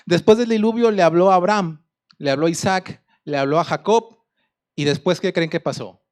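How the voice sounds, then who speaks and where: A man's voice: sits high, moderate pace, a little mellow. A man with a Mexican accent preaching a sermon in a conversational storytelling way, asking the congregation questions. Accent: Mexican Spanish.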